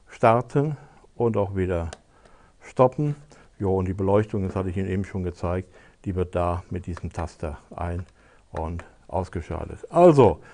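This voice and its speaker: A man's voice: sits low, mellow. A man hosting a tech advice show, casually demonstrating a gadget step by step with frequent hesitation fillers.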